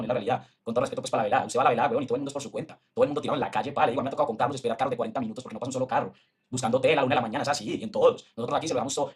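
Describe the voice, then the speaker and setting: A young man with a Medellín Colombian accent, ranting to his stream in a heated, slangy, fast-rambling way. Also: mid-range voice, breathy edge. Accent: Medellín Colombian Spanish. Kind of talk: casual stream rant.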